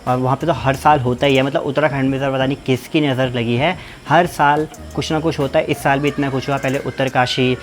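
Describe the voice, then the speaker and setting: A man's voice: mid-range voice, fairly even intonation, brisk, few pauses, soft background music. A young man from Uttarakhand hosting a casual vlog, chatty and rambling, feverish with a blocked ear. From Uttarakhand, India. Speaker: vlogger host.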